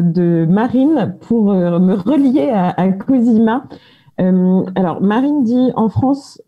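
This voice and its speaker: A woman moderating a round table without a script, hesitant and rephrasing her questions as she goes. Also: medium pitch. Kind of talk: unscripted panel moderation. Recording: dull band-limited phone-like sound.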